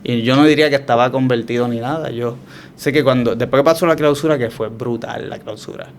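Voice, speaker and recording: A man with a Puerto Rican Spanish accent, telling his story as a guest in a relaxed, reflective way with frequent restarts. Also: mid-range voice, fairly quick, a little hiss or hum. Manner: reflective, hesitant with many restarts. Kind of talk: conversational testimony.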